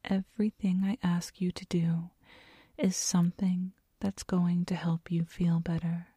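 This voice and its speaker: A woman playing a doting, teasing girlfriend in a whispered role-play, speaking slowly and tenderly, right in the listener's ear. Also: lowish voice, flat delivery, dark tone, slightly rough, no room sound, studio quality. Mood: coaxing, doting. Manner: slow, tender, coaxing. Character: doting, teasing, nurturing girlfriend soothing her partner. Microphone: very close binaural microphone.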